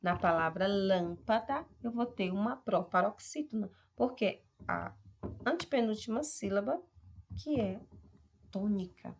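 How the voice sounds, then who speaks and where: Woman teacher, mid pitch, gravelly fry, patient and slow on examples. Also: a little hiss or hum. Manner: patient, draws out example words slowly. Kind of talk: classroom lesson on syllables.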